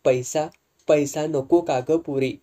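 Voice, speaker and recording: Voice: mid-range voice, fairly even intonation, slow pace, dark tone, natural voice. A narrator doing a bitter bedridden old man. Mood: scolding. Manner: sarcastic, scolding.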